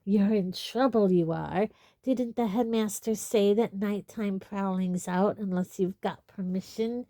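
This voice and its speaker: A woman's voice: medium pitch, unhurried, warm tone, no echo, studio quality, natural voice. A woman voicing a spiteful old male caretaker who gloats and nags. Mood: gloating. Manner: gloating, nagging.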